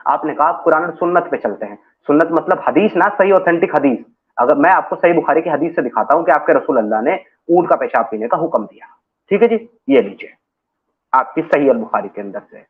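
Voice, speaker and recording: A man hosting and moderating a live debate, calm and persistent as he repeats his questions. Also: fairly high pitch, a little fast, breathy edge. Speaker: host and moderator. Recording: phone-like narrow audio.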